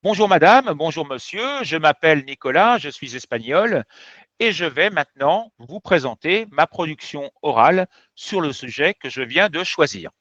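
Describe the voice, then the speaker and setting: A polite male exam candidate, as a teacher puts him on, greeting the examiners in a formal, measured way. His voice bounces up and down in pitch. The sound is dry and a little dull. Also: animated, fairly bright tone, no room sound. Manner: formal, polite self-introduction. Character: adult male exam candidate introducing himself. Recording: dull, slightly muffled sound.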